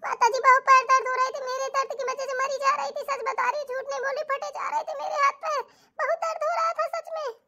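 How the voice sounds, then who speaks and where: A woman's voice: extremely high pitch, little pitch movement, pushed and bright, pitched above the performer's own voice, full character voice. Woman putting on a whiny young daughter-in-law. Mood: pleading. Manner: pleading, self-justifying, rapid. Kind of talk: cartoon voice acting.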